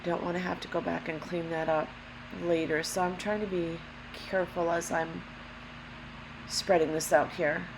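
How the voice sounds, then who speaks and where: Her voice is low and gravelly, worn by allergies, as she hosts a laid-back craft tutorial and pauses to clear her throat. She takes her time, explaining every step with care and slipping in apologetic remarks. Behind her runs a noticeable steady hum, along with lawnmower noise.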